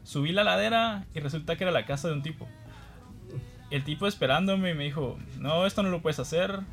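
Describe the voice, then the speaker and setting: A man's voice: on the high side, fairly quick, a bit bright, faint music behind. Guatemalan man telling a story, laughing often. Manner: self-deprecating, laughs often while telling. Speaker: guest. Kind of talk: casual anecdote telling.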